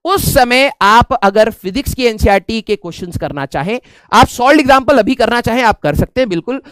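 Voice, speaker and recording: High-voiced joking Indian physics teacher. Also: male voice, expressive, a little fast, fairly bright tone, clean tone, no echo. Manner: chatty and joking, checks in with students often. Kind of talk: online class lecture in mixed Hindi and English.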